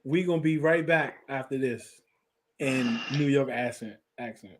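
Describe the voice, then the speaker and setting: A man's voice: medium pitch, a little slow. A male podcast host on a video call, chatting casually and teasing his co-hosts. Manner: playful, teasing banter. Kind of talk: casual sports chat.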